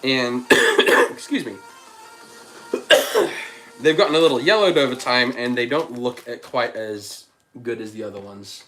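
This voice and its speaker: A man hosts a casual livestream, thinking aloud as he builds, chatting, and reading out chat messages, with a slight cough and a frog in his throat. His medium-pitched voice is unhurried and sharp in tone, with frequent pauses. Soft music plays in the background.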